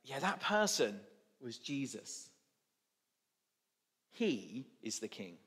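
A man's voice: high-pitched, sing-song, normal speed, voice pushed up. Guy doing the wise donkeys, patient, setting a friend straight, echoey hall. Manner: gently correcting, explaining.

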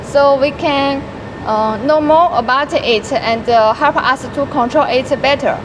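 Young woman, high voice, halting speech, product demo, noisy factory floor. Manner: halting, many restarts and fillers. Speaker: product presenter. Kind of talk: product demonstration in English. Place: large factory workshop.

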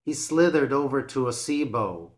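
A man reading a folktale aloud for English learners, slowly and clearly. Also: medium pitch, animated. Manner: slow, clear and measured reading. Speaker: English teacher.

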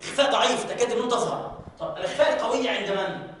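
A man teaching Quran recitation to a class, drawing out his recited examples slowly and often asking students whether they follow. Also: sits high, animated. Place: large mosque hall. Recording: very echoey hall, from far off.

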